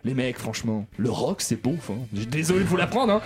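A man delivering a sarcastic comic column on a radio panel show, mocking and quick. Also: medium pitch, sing-song, soft background music.

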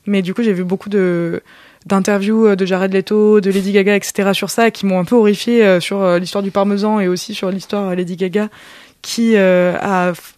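A woman gives her opinion of a film in a relaxed chat, stopping often to search for words. Her voice sounds close and dry, with no room around it. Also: medium pitch, no room sound. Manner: hesitant, many pauses and fillers. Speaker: film critic. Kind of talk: casual film discussion.

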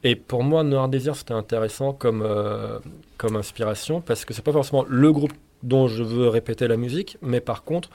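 A man with a medium-pitched, dark-toned voice speaks at a moderate pace. He's a Turkish-speaking rock singer and guitarist, answering interview questions thoughtfully and with strong opinions, hesitating often.

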